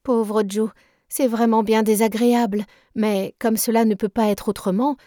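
A woman voicing a gentle, shy teenage girl in a storybook reading, speaking softly and slowly. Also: fairly high pitch, little pitch movement, dry recording, clean studio sound, natural voice.

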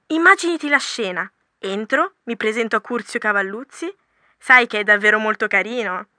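Actress as an excited young student leaving a voicemail, high and very bright, gushing, dry close sound. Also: female voice, no echo, heavily acted. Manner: breathless, gushing, exclamatory. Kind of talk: scripted language-course dialogue.

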